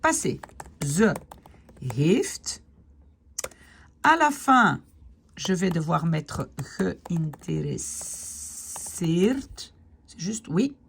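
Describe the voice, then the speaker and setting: Slow, lively, gravelly-voiced woman teaching. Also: fairly low pitch, a little hiss or hum. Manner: explains step by step, often checks with "d'accord?" and "ok?"; slows down to spell out Dutch words. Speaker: Dutch teacher. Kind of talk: online grammar lesson.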